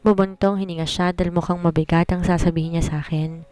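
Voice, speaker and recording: A woman narrating a romance story in the first person with a steady, even reading. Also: fairly low pitch, quick pace, dry recording.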